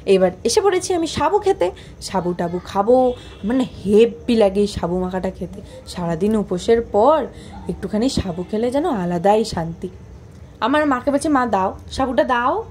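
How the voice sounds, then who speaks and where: A woman's voice: mid-range voice, lively intonation, normal speed, warm tone, slight background noise. A young woman narrating her own vlog in a chatty, playful, self-mocking voice-over. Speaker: vlogger.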